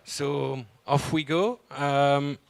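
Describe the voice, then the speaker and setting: A man's voice: on the high side, fairly even intonation, very slow, gravelly. A man hosts a panel discussion at a conference. He introduces the speakers with light, wry humor and steers the talk. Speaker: panel moderator. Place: conference hall stage.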